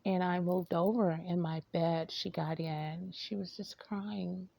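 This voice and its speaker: Slow, gravelly-voiced woman spiritual reader. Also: fairly low pitch, steady tone, warm tone. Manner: hesitant, repeating her words and trailing off. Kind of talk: unscripted storytelling to camera.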